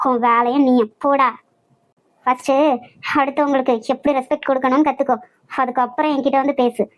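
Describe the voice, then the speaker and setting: A woman with a Nagercoil Tamil accent voicing a feisty young woman in a cartoon, loud and quick-tongued. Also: high-pitched, flat delivery, close to an everyday voice, rough recording. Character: feisty young woman job-seeker, brash and fearless. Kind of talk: cartoon voice acting.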